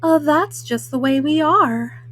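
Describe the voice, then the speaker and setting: A woman voicing a folksy, self-justifying male wolf in a storybook, haltingly, with frequent uhs. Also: high-pitched, a bit bright. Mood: self-justifying, matter-of-fact. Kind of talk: storybook read-aloud in first person.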